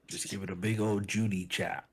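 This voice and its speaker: A man's voice: deep voice, flat delivery, normal speed, gravelly, husky. A man playing a tabletop game, tossing in joking asides. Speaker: player. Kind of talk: casual tabletop game play.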